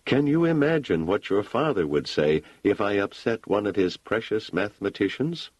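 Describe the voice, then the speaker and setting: A man reading an audiobook, voicing a calm, probing woman who talks in a measured, persistent way. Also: lowish voice, slightly rough, no room sound. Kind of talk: audiobook character voice.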